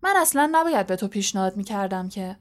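A woman reading the lines of a kind male teacher who is gentle and uneasy, speaking softly and quickly. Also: medium pitch, expressive, close to an everyday voice.

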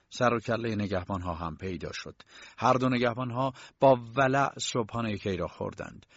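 Male audiobook narrator, measured and even storytelling, mid-pitched; dull, dry lo-fi recording. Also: dry recording.

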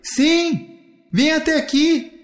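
A man voicing a playful youthful brother who calls out in a high voice. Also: slow. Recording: echoey room.

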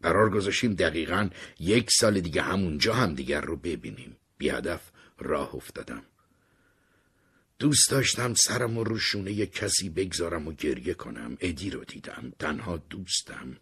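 A man tells a story in the first person with a very husky, breathy voice. His low voice rises and falls with lively, dramatic expression. The delivery has the feel of an expressive retelling. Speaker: narrator.

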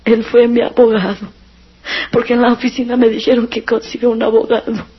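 A woman's voice: a little high, little pitch movement, brisk, husky. A woman giving a personal religious testimony, earnest and emotional, sometimes near tears, on a dull lo-fi recording.

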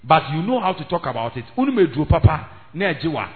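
A Ghanaian-accented man preaches an impassioned evangelistic sermon, switching among English, Twi and Ghanaian pidgin. His voice is on the high side, sing-song and fast, and he is emphatic and repetitive, rising to shouts. The sound is thin and phone-like, with faint music behind.

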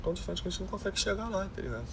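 A man's voice: sits high, animated, racing, creaky, fairly bright tone, a little hiss or hum. A young man, musing and rambling in casual street slang.

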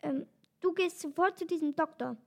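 A woman reading aloud and voicing an upset lioness mother who scolds her mate in an excited, high voice. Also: moderate pace, vocal fry. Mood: scolding.

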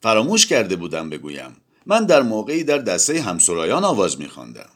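A man voicing a boisterous, impulsive older man who declaims loudly and exuberantly in a storybook reading. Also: fairly low pitch, wildly swooping pitch, voice pushed up. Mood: boastful.

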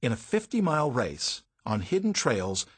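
A man's voice: medium pitch, wildly swooping pitch, moderate pace, slightly rough, dry recording. A man reading a first-person audiobook, telling the story in a dramatic, vivid way. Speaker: audiobook narrator.

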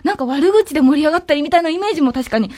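A woman's voice: sits high, expressive, very fast, a little mellow. A woman hosting a live radio show, teasing her co-host playfully and bursting into laughter often. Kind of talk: casual radio chat. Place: radio studio.

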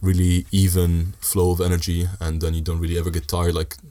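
Casting: young man, very low voice, flat intonation, casual podcast guest with halting, measured phrasing. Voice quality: deep voice. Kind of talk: casual chat.

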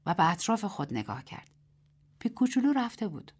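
A woman reading a literary short story aloud as narrator and host, in a measured, dramatic reading. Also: medium pitch, sing-song, darkish tone, breathy edge.

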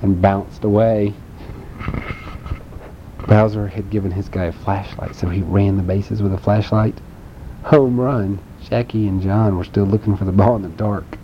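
Low-voiced man telling a playful story. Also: fairly even intonation, a little slow. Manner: playful, with sound effects and questions to the listener. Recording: dull lo-fi home recording with faint rumble.

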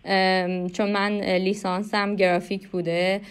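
A young adult woman from Iran with an Iranian Persian accent, giving conversational interview answers in a hesitant, reflective way with drawn-out pauses. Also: medium pitch, little pitch movement, clean tone. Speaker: interview guest, animation artist.

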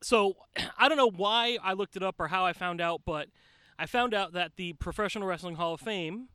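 A man's voice: sits high, moderate pace, bright, forceful tone, smooth, no echo. An American man telling anecdotes informally as a podcast guest, joking and repeating words for emphasis, recorded outdoors. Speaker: podcast guest, wrestler and manager. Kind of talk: casual anecdotal storytelling. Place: outdoors in a shaded backyard.

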